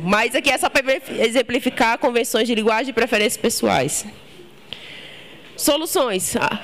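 Joking woman giving a talk. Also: mid-range voice. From Ceará, Brazil. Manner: casual, joking, chatty with the audience. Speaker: conference speaker. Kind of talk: short live tech talk.

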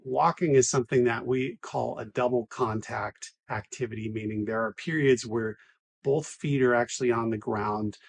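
Husky-voiced male physical therapist explaining. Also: medium pitch. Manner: methodical, enumerating points. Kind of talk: educational explainer to camera. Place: physical therapy clinic, indoors. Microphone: lapel mic.

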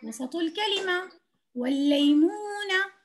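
A woman's voice: very high voice, lively intonation. A woman teaching young children to read in an online class, speaking patiently and encouragingly. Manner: patient, encouraging, slow and clear. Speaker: kindergarten teacher. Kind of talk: online reading lesson.

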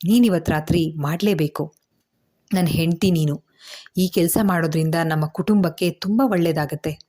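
Woman doing concerned young husband, urgent, reassuring, warm low tone. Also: normal speed, natural voice. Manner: urgent then steady and reassuring.

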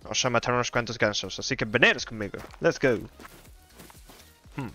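A man's voice: medium pitch, normal speed, bright, forceful tone, soft background music. Playful young man commenting on gameplay. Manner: playful, chatty, talks to his dog in the game. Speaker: gaming YouTuber.

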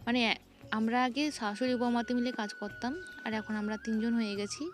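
A woman's voice: a little high, level tone, fairly quick, faint music behind. Chatty young woman vlogger. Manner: chatty, describing chores as she goes. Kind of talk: casual vlog narration.

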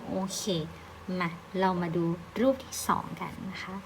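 A woman with a Thai accent teaching English, reading English words slowly and explaining them patiently with polite particles. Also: background noise. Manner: slow, careful English reading. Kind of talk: recorded online lesson.

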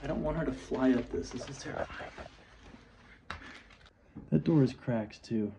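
Man, urban explorer, tense hushed narration, phone camera, noisy background. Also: mid-range voice, moderate pace. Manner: tense, hushed, talking to viewers. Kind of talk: casual vlog narration. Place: inside an abandoned church.

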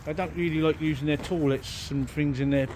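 An older British man chatting excitedly outdoors while exploring, with animated exclamations. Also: on the high side, a little fast, a crowd in the background. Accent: British English. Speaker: companion on the explore. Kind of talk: casual chat. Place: outdoors on an overgrown abandoned site.

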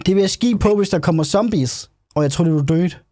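A man hosting a let's play, chatting casually while gaming, excitable and swearing, repeatedly calling out to his friend. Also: high-pitched, no echo, clean studio sound.

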